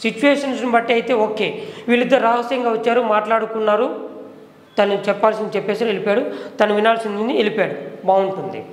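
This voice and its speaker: Male acting teacher, demonstrative lecture, high voice, roomy hall. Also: racing. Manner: explanatory, demonstrative. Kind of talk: film acting class lecture.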